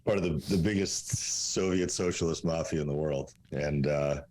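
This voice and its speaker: This fitness coach, a guest on a frank podcast, is a Russian-born man in his forties whose first language is Russian. He talks at a moderate pace in an extremely low, faintly mellow voice, rambling, cursing and using lots of fillers.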